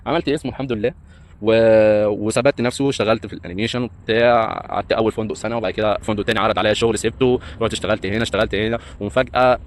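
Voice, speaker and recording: A man's voice: lowish voice, steady tone, very fast. A man in his thirties with an Egyptian Arabic accent, a breakdancer and hotel entertainer telling his life story in a rambling way, with lots of hesitant fillers. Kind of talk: casual life-story monologue.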